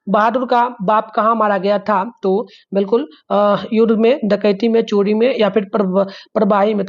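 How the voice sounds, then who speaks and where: Man teaching with drawn-out sounds, lo-fi. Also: sits high. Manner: drawn-out repeated sounds, frequent fillers, addresses the children. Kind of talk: exam answer walkthrough.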